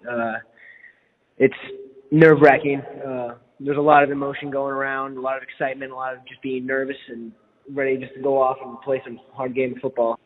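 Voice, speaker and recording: Long reverb, narrow band, young man, student athlete, casual halting answers, monotone. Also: medium pitch. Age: teens to young adult. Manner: halting, peppered with "like". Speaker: high school athlete. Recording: hollow, reverberant, phone-like audio.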